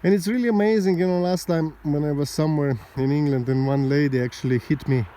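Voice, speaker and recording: A man's voice: fairly high pitch, steady tone, fast, dark tone. A vlogger from Slovenia, a man speaking English, talking outdoors to his viewers in a rambling, indignant, argumentative way. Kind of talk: casual monologue to camera. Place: outdoors overlooking a mountain valley road.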